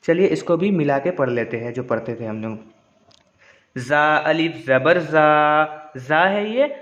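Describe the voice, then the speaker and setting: A man teaching Quran reading, explaining patiently step by step and drawing out syllables slowly when he demonstrates. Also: medium pitch, big pitch swings, lo-fi sound.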